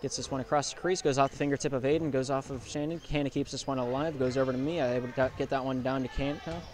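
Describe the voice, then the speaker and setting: A young man calls a basketball game play by play, rattling off passes and shots in quick succession. His voice jumps up loud and excited whenever a basket drops. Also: medium pitch. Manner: rapid play calling, bursts of loud excitement on scores. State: out of breath. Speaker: play-by-play commentator. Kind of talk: live basketball play-by-play commentary.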